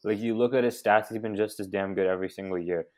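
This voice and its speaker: A man's voice: fairly low pitch, steady tone, fast, darkish tone. A young man co-hosting a casual sports podcast, blunt and emphatic with lots of slang. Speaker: podcast co-host.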